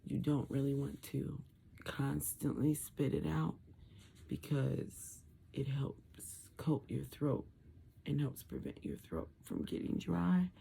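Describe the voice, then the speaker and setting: A tired, medicated twenty-nine-year-old with a sore, muffled, thick voice from a swollen throat after tonsil surgery, talking casually and haltingly to camera. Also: medium pitch, creaky, mellow, slight background noise. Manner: halting, rambling. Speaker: vlogger sharing surgery recovery. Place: room at home.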